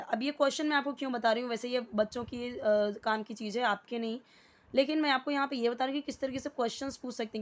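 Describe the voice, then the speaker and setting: Higher-voiced woman teaching slowly. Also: muffled recording. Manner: slow, repeats words, switches between Hindi and English. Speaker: English teacher. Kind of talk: explaining a lesson, reading and translating examples.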